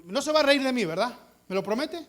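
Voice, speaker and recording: Male pastor preaching with fire, strikingly high-pitched, acts out voices and quizzes the congregation. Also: lively intonation, brisk, a bit bright. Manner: impassioned, acts out voices, rhetorical questions. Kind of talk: sermon.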